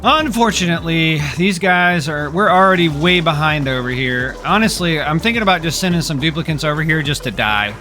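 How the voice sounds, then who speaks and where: A man's voice: a little high, lively intonation, brisk, few pauses, pushed and bright, soft background music. A man narrating his game as he plays, sarcastic and exasperated, grumbling at his characters. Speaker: gameplay streamer. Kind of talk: exasperated gameplay commentary.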